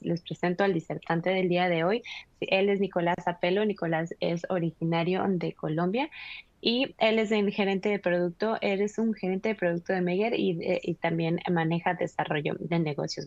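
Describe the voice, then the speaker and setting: A woman moderating a webinar, introducing it in a polite, welcoming tone with soft hesitations. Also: lowish voice, steady tone, normal speed, dry recording. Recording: dull, dry lo-fi online call audio.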